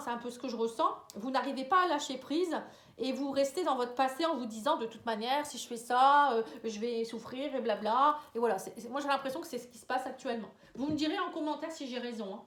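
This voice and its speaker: A woman with a stuffy head cold, sounding tired, giving a casual tarot reading straight to the viewer and tagging her lines with little checks like "you see". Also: high-pitched. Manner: talks straight to the viewer, tags lines with "hein" and "vous voyez". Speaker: tarot and oracle card reader. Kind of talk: casual horoscope card reading to camera. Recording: roomy, resonant sound.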